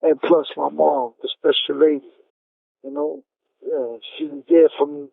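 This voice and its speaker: Male caller with a New York accent on a prison payphone line: gravelly, halting delivery, tinny phone audio. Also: fairly high pitch, big pitch swings, no echo. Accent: New York City. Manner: halting, repeats words and restarts. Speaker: incarcerated caller. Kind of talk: casual storytelling over a phone call.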